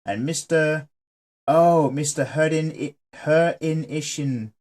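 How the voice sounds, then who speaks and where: A man draws on his own channel, reading comments from viewers and joking in relaxed chat. His voice sits a little high and is slightly mellow, and he speaks slowly.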